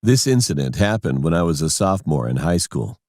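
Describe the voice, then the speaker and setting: Very deep-voiced male story narrator. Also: sing-song, a little fast, a little mellow, no echo, studio quality. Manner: plain, matter-of-fact telling. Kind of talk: scripted scary story narration.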